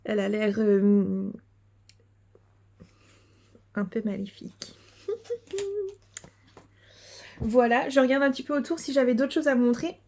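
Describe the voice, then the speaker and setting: Chatty higher-voiced woman crafter. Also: steady tone, a little slow, creaky, pauses often, mellow. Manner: chatty, hesitant with many fillers, giggly. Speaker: knitting and sewing podcaster. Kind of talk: casual video chat showing crafts.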